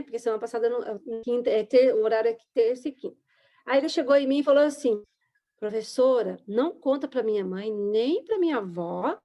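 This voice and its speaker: Chatty woman teacher, high voice. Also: warm tone. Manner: chatty, addresses audience as "gente", frequent "né?" and "sabe?". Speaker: teacher and educational psychologist. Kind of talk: casual online class talk.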